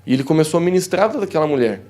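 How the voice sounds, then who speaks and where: A young Brazilian man with a southern Brazilian accent, preaching a sermon in a church in a warm, conversational way, often calling the congregation "dear ones" and acting out the voices in his stories. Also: on the high side, very fast. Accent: southern Brazilian Portuguese. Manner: animated storytelling that acts out quoted voices. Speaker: pastor. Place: church hall.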